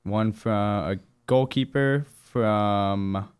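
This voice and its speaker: Agreeable low-voiced male co-host. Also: darkish tone, clean tone. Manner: agreeable, quick interjections and frequent laughs. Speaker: co-host of a college sports show. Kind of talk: casual sports talk.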